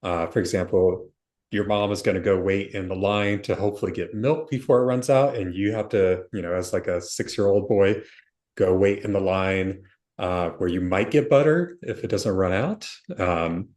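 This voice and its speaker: A man's voice: on the low side, normal speed, a little mellow. A man from Ukraine, a guest on a podcast, telling his story in an articulate, reflective way. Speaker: guest, software founder. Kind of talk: interview answers.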